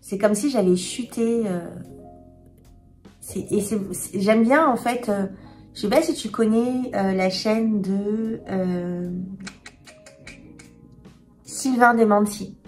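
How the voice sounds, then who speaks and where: A woman chatting candidly to camera as a tarot reader, talking frankly and often pausing to search for words. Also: medium pitch, faint music behind. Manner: hesitant, many filler pauses, frank and confiding. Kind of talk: candid casual vlog chat.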